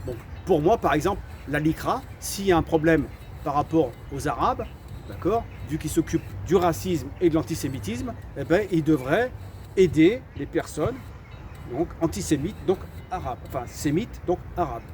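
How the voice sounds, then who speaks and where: Raised in France with Algerian roots, this channel host gives his views in relaxed talk, stumbling, repeating himself and dropping "voilà" frequently. He speaks at normal speed in a fairly high, expressive, slightly mellow voice, and there's a little hiss or hum.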